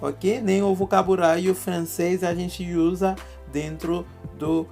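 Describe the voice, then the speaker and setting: Slow-talking woman. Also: on the low side, flat delivery, dark tone, soft background music. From Haiti. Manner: spells words letter by letter, checks in often with "ok?". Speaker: language teacher. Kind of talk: online language lesson.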